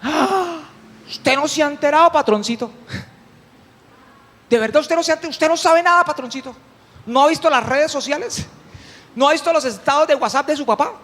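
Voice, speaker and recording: A man doing a gossipy farmhand servant, sly and secretive, teasing his master. The voice sits very high and rings with long hall reverb, like a sermon turned into a little comic scene. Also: normal speed, pauses often, a bit bright.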